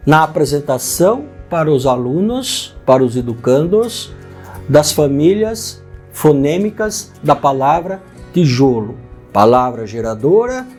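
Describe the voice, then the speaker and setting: A Brazilian man with a slightly raised pitch talks through a lesson point by point. He keeps pausing to check his listeners are following. Soft guitar music plays quietly underneath. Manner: explains step by step, checking in with "tá?" and "né?". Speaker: host, union president. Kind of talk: spoken educational explanation. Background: faint guitar music.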